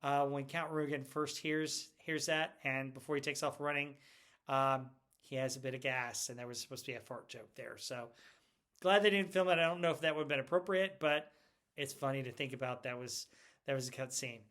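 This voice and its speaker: A man's voice: mid-range voice, brisk, a bit bright. A middle-aged man hosting a casual pop culture video, chatty and rambling, laughing often as he talks. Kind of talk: casual movie retrospective talk.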